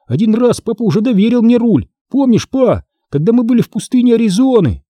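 A man reading aloud, voicing an eager, excitable twelve-year-old boy. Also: very high-pitched, a little fast, no room sound, voice pushed up, full character voice.

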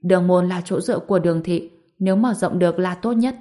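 A woman reading a gentle, curious young woman companion in an audiobook. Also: fairly low pitch, a little fast, lightly acted. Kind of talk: audiobook narration.

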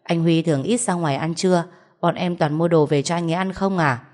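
A woman reading as a polite young male coworker, chatty and easygoing. Her low voice carries the part. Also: brisk, a little mellow, natural voice. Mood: friendly. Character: young man, friendly coworker.

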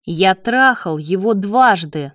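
A woman's voice: medium pitch, big pitch swings, unhurried, no room sound, studio quality. A woman reading the part of a mocking, scheming young man in a spoken story, with a taunting delivery. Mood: sneering. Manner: sneering, taunting.

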